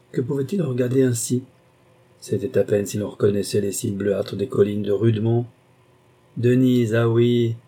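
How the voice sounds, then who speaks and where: A man reads a classic novel aloud in a steady, even manner. His voice is low and very dark in tone. It carries a husky, slightly breathy grain. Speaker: audiobook narrator. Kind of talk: scripted narration.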